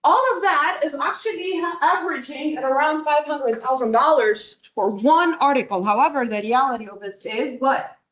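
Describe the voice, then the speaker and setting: A middle-aged Lebanese woman, a visiting academic, presents a workshop lecture over slides on a video call in a high-sitting voice. She talks at normal speed with hardly any pauses, conversationally, often checking in with "right?" and filler words. The recording quality is low.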